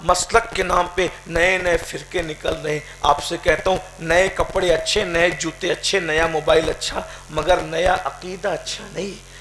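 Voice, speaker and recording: A man preaching an impassioned sermon, swinging from shouted climaxes to quiet questioning. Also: a little high, level tone. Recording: echoey hall with crowd.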